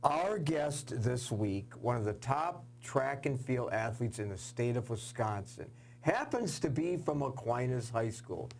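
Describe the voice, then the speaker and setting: Gravelly man hosting a sports interview. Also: mid-range voice, expressive, darkish tone, a little hiss or hum. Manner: earnest, halting questions with fillers. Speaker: sports show host.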